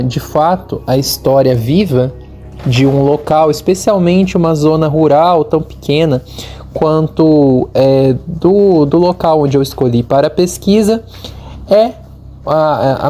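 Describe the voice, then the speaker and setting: The informal podcast narration comes from a young podcast host and history student from Norte Pioneiro in northern Paraná, Brazil, speaking caipira-accented Portuguese. His fairly high, mellow voice falters often, with many fillers and restarts.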